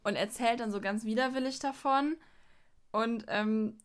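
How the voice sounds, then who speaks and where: A young woman chatting casually as a podcast co-host, recapping an episode with puzzled remarks and quick acted-out quotes of the characters. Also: on the high side, smooth.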